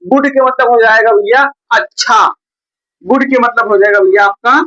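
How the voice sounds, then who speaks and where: A man's voice: very high-pitched, normal speed, sharp tone. Patient male tutor at a board. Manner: patient, repeats "theek hai" and "bhaiya" often. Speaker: teacher. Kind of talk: blackboard reading lesson. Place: coaching classroom at a board. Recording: dull lo-fi recording.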